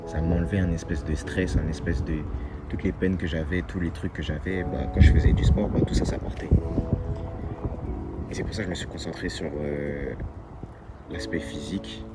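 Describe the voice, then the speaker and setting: A man's voice: extremely low pitch, steady tone, normal speed. A twenty-year-old man giving a casual motivational monologue as a vlogger, earnest and repeating his key phrases. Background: loud music.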